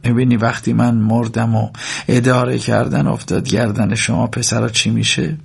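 A man voicing a proud, anxious middle-aged farm mother with a sharp, complaining voice, husky and gravelly. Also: mid-range voice, little pitch movement, full character voice. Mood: scolding. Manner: sharp, complaining, at times tearful whisper.

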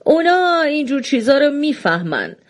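A woman's voice: high-pitched, very animated, voice pushed up. A woman reading the lines of a rule-bound doorkeeper who apologizes but will not bend, in an audiobook. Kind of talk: audiobook dialogue.

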